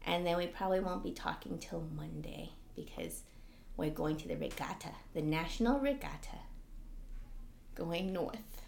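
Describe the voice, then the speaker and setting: A woman co-hosting a podcast in casual chat, talking in an animated way with lots of fillers. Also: sits low, moderate pace, creaky, roomy sound, slight background noise. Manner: chatty, animated, frequent "like" fillers. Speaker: podcast co-host.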